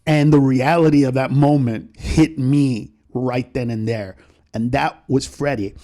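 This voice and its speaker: A middle-aged male comedian, a podcast guest, telling a story in a rapid, profane way and acting out the voices in it. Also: medium pitch, fairly even intonation, warm tone. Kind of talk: animated storytelling in a podcast chat.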